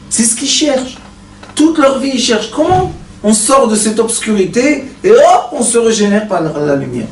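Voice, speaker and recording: A man teaching Torah with a bright, high voice, lively and questioning as he tells stories. He sounds set back from the mic, in a reverberant hall with a faint hiss underneath. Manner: animated, rhetorical questions to the audience, big pitch swings. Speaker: rabbi teaching a Torah class. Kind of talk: Torah lecture with storytelling. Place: study center hall with a mixed audience. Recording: echoey room, distant mic, faint noise.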